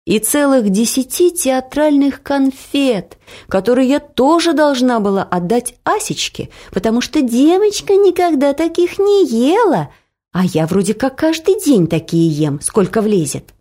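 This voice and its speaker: A woman narrating a first-person audiobook story with expressive storytelling. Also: high-pitched, measured pace.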